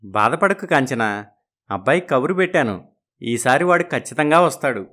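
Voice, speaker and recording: A man voicing fatherly characters in a storybook tale, gentle and reassuring. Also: mid-range voice, animated, normal speed. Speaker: voices male characters.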